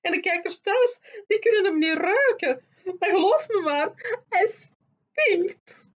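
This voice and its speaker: Een vrouw die een woedende, snobistische moeder van middelbare leeftijd speelt, krijsend en tierend. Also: female voice, extremely high pitch, dull audio, pitched above the performer's own voice. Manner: shrieking, ranting. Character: shrill furious snobbish mother, middle-aged.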